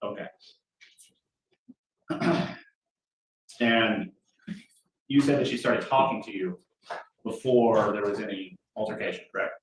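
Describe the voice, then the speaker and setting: A man's voice: lowish voice, slow pace, long pauses. Guy cross-examining on a courtroom recording, folksy and chatty, very echoey, mic far off. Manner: folksy, conversational questioning. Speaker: defense attorney. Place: large courtroom, indoors.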